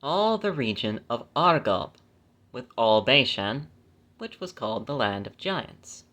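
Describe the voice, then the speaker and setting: Scripture reader, male, mid-pitched and bright, casual and self-deprecating between verses. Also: sing-song, measured pace. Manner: chatty, laughs at himself, corrects his own stumbles. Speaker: Bible reader. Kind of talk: scripture reading with casual asides.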